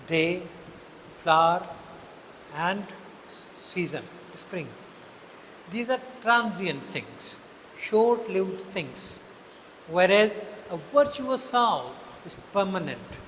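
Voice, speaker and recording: Slow, deliberate teacher. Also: male voice, sits high, a bit bright, big-room sound, a little hiss or hum, poor audio. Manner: mixes Hindi and English, checks understanding often; slow, deliberate, spells words out. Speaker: English literature teacher. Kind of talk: classroom poetry lecture.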